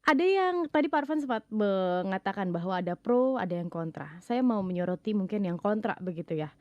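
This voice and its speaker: A woman's voice: medium pitch, expressive, brisk, no room sound. A woman interviewer asking polite, formal questions and addressing her guest by his title. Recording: dull, dry, lo-fi sound.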